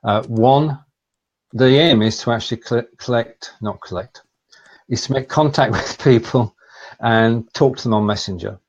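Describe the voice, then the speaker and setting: A slightly muffled, lo-fi video call carries a man with a Lancashire accent and a mid-pitched voice. He hosts in a casual, explanatory style, feeling his way through sentences with halting phrasing. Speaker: live show host. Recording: slightly dull, lo-fi sound.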